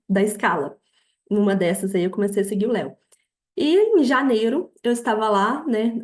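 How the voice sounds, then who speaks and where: A young adult woman with a Brazilian Portuguese accent, a podcast guest telling her story in a lively way, laughing often and acting out quoted dialogue. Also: on the high side. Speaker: podcast guest, affiliate marketer. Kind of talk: casual interview storytelling.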